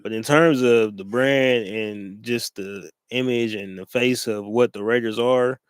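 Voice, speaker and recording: A man's voice: mid-range voice, unhurried, smooth, dry recording. A man with a mid-range voice co-hosts a sports talk show, rambling through his points with lots of fillers and restarts. The recording is dry and close.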